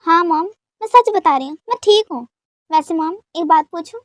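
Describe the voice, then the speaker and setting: A woman voicing an anxious, caring young woman who is quick to anger, with a pleading, emotional manner, in a fan dub drama. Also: very high voice, expressive, no room sound. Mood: worried.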